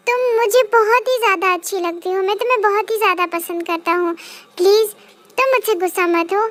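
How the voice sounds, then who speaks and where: A possessive young husband from a read-aloud fan story, as a woman narrator puts him on in a very high voice. He pleads one moment and turns cold and scornful the next, without much change from the reader's own voice. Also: fairly bright tone. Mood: pleading. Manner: pleading, then cold and contemptuous.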